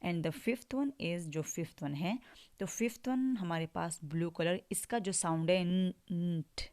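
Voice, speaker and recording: Slow, low-voiced woman teacher drilling phonics. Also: a little mellow. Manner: slow drills, spells words letter by letter then says them; mixes English words into Hindi, repeats "ठीक है" often. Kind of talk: online English phonics lesson.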